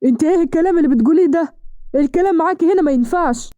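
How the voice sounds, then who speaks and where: A woman's voice: on the high side, very fast, mellow, no echo, dull audio, close to an everyday voice. A woman with an Egyptian accent voicing a hot-tempered young husband in a spoken drama story, harsh and commanding. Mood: angry.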